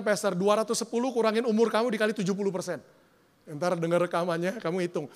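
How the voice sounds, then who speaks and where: A male pastor preaching a sermon in an animated way, slipping English words into his talk and acting out the voices he quotes. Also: high-pitched, in a large hall.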